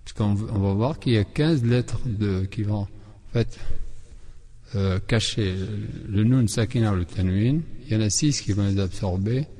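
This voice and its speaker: A man's voice: on the low side, normal speed, warm tone, in a large hall. A man teaching the rules of Quran recitation, explaining patiently and repeating syllables again and again, with chanted examples. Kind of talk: tajwid lesson with chanted examples.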